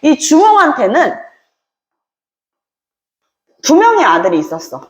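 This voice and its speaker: A woman teaching a history lesson, telling the story with lively acted-out dialogue between characters. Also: high-pitched, measured pace. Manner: lively storytelling, acting out characters in quoted voices. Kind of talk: animated classroom lecture with acted-out dialogue. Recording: echoey room.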